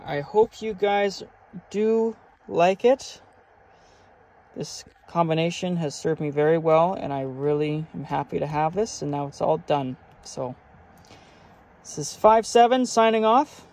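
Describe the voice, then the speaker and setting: Speaking unhurriedly in a fairly high, somewhat dark voice, this hobby vlogger informally shows off his gear with casual enthusiasm. The setting is in and around a truck, with vehicle and ambient sounds coming through clearly.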